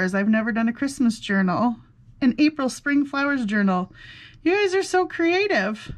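High-voiced, effusive woman chatting. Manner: rambling, effusive, exclamatory. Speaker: crafting channel host. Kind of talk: casual chatty vlog. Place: indoors at a desk with a laptop.

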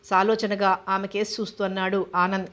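A woman reads a serialized novel aloud in a steady, even manner. Her pitch sits in the middle and barely moves, giving a level, unhurried telling. It is plain storybook narration.

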